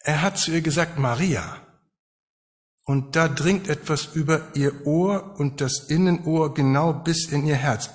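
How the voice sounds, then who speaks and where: A man preaching a sermon to his congregation, conversational and emphatic, with rhetorical questions. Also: fairly high pitch.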